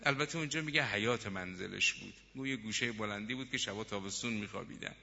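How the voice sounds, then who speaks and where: Gravelly, bright-voiced male preacher. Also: lowish voice. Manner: emphatic, rising appeals to the audience. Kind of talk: sermon with dramatic storytelling. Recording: muffled, long hall reverb.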